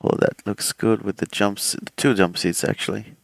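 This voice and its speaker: A flight sim streamer who is also an airline pilot talks casually through his cockpit checks, relaxed and rambling with many fillers, his throat a bit swollen. His voice is lowish with vocal fry at a moderate pace, and the recording is dry.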